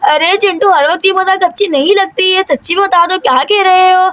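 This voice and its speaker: A woman's voice: very high-pitched, a little fast, a bit bright. A woman voicing a scolding village mother in a cartoon.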